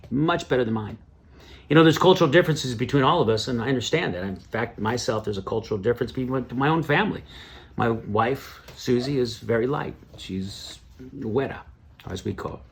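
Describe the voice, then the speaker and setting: A middle-aged comedian hosts an awards ceremony, telling stories with punchy timing. His voice is gravelly with a husky, unpolished texture. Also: mid-range voice. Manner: storytelling, punchy delivery. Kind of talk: standup comedy.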